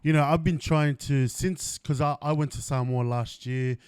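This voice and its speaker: A man's voice: a little high, fairly even intonation, normal speed, a little mellow, clean tone, no echo, clean studio sound. A man hosting a podcast interview, chatty and eager, often saying "like" and "you know what I mean.". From Australia. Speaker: podcast host. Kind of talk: casual interview chat. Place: indoors at a company's headquarters.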